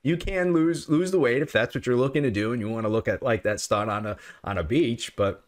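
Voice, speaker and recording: A man guest, a personal trainer, talking earnestly and emotionally, with many halting restarts. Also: mid-range voice. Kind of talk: interview guest, earnest talk.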